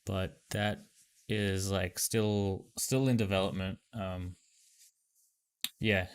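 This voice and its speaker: A man hosting a livestream over a headset mic, chatting casually and loosely with lots of fillers as he greets viewers and tests software. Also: deep voice, fairly even intonation, slow pace, clean tone. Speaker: livestream host. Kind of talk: casual livestream chat while testing software.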